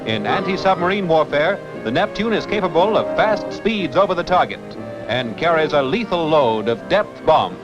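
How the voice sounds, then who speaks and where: A man narrating a 1950s newsreel in a brisk, declamatory announcer style, with old newsreel sound. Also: a little high, very animated. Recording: muffled lo-fi newsreel audio with music. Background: music score.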